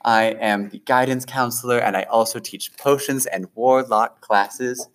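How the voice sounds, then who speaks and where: A man voicing a human woman who is guidance counselor and warlock teacher, in a raised, brisk voice. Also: medium pitch, fairly even intonation, fairly bright tone, lightly acted. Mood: friendly.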